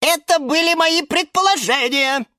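A man voicing a fussy, excitable male lemon houseplant who turns shrill when upset, in a children's storybook. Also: unhurried, no room sound, clean studio sound, full character voice.

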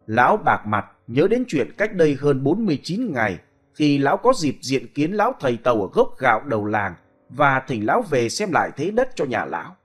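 Expressive male ghost story narrator. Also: medium pitch, brisk, faint music behind. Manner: dramatic, expressive reading. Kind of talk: scripted storytelling.

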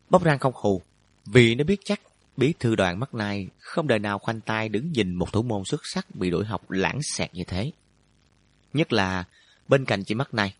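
Low-voiced man narrating a story. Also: dry recording. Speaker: audiobook narrator.

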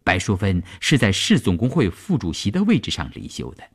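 Husky guy narrating a radio story, voice moves around a lot, calm steady telling. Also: on the low side. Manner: measured, expressive storytelling. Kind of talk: radio serial reading.

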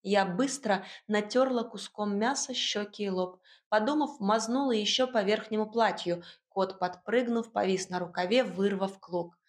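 A woman reading a first-person story aloud as an audiobook narrator, in a lively, wry storytelling manner. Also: mid-range voice, moderate pace, few pauses.

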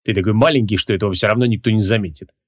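A man voicing an arrogant ancient male mage who talks in a low, dry, dismissive drawl. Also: racing, close to an everyday voice.

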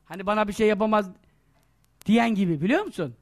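A man's voice: high voice, quick pace. A man giving an informal religious talk as a preacher, scolding and teasing his listeners as he tells his stories. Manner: scolding, teasing, lively storytelling.

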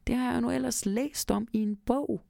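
A woman's voice: a little high, fairly even intonation, gravelly, dark tone, no echo, studio quality, pitched above the performer's own voice. A woman voicing a curious young boy in a storybook reading, eagerly asking his grandfather questions.

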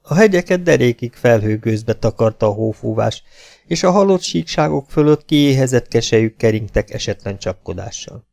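A man narrating an audiobook with a dramatic, expressive delivery. His voice is gravelly, and his pitch rises and falls widely as he paints the scenes. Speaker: audiobook reader.

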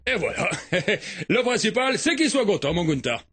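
A man's voice: high voice, big pitch swings, normal speed, a bit bright, husky. A man doing a comic radio monologue in a theatrical, mock-poetic, exaggerated way. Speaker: radio morning show comedian.

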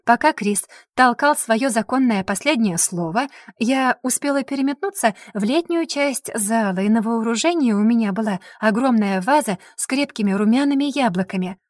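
A woman reading a novel aloud in the first person, with lively, sardonic storytelling. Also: on the high side, no echo, clean studio sound. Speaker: audiobook narrator.

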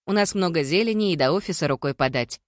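A reader voicing a secretive young woman who answers softly and evasively, in a dry recording. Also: fairly low pitch, expressive, fast, dry recording, close to an everyday voice.

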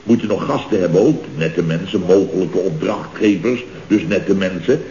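An actor playing a chatty, boastful boss of a construction firm in a 1960s radio comedy, talking in rambling, jovial asides. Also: male voice, sits low, normal speed, warm tone, slight background noise. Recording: dull, roomy old radio recording.

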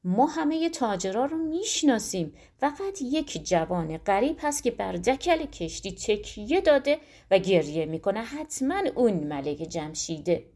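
A woman's voice: medium pitch, very animated, hardly any pauses, mellow. A woman reading a storybook, voicing a sailor who reports matter-of-factly. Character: ship's sailor, ordinary working man.

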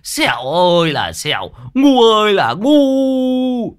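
A man doing a shrill, wailing old man. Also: huge pitch swings, slow pace, exaggerated voice. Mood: wailing panic. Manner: shrill, wailing exclamations and cackling. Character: panicky, foul-mouthed old man who mocks his friend.

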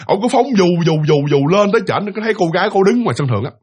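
Fast, husky man telling a ghost story. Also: high-pitched. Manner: excited, repetitive, acts out the characters' lines. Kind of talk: spoken ghost story narration.

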